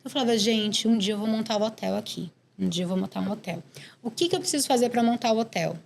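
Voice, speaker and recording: A woman, an architect telling her story as a podcast guest in a lively way. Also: medium pitch, quick pace, gravelly, slight background noise. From Brazil, interior of São Paulo state. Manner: lively, storytelling with quoted thoughts. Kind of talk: storytelling interview.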